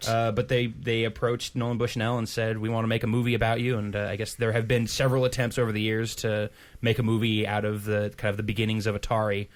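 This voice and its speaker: A man's voice: on the low side, level tone, quick pace, hardly any pauses. A man co-hosting a video game podcast, passing on a news item in casual chat with frequent hesitations. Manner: hesitant, lots of uh fillers. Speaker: podcast co-host.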